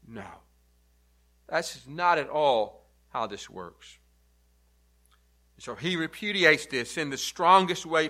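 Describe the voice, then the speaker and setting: Bright, high-pitched, slow-preaching man. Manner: emphatic, building to forceful repeated negations. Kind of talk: sermon.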